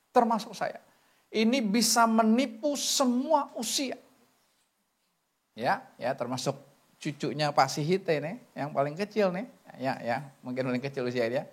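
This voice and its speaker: A man preaching as a pastor in a church, telling stories with lively acted-out dialogue. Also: fairly high pitch. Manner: lively storytelling, acts out dialogue. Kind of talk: sermon.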